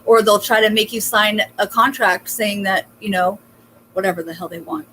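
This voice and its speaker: A woman's voice: mid-range voice, fairly even intonation, normal speed, bright, forceful tone, slight background noise, poor audio. A woman hosting an online interview, giving casual, supportive advice in a chatty way with plenty of fillers, heard over a video call. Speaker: host.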